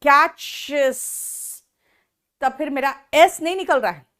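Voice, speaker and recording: A woman with a high-sitting, expressive voice teaches an English class online, explaining things slowly in a mix of Hindi and English and praising her students by name.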